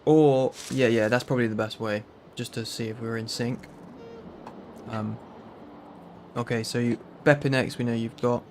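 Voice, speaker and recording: A man's voice: mid-range voice, fairly even intonation, normal speed, pauses often, a little hiss or hum. A man with a London accent, casually reading through a list of game mods with a friend. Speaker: streamer. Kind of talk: casual gaming chat.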